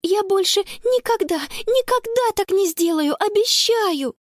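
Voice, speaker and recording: A woman's voice: very high voice, sing-song, a little slow, dry recording, clean studio sound, voice pushed up, exaggerated voice. A woman voicing a frightened, bossy young girl who calls out urgently in a children's storybook. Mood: apologetic. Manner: pleading, urgent shouts.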